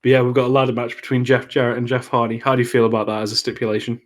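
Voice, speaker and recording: A man co-hosting a podcast, recapping wrestling matches in a relaxed, casual chat. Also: mid-range voice, racing. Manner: relaxed, lays out match events play by play. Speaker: podcast co-host.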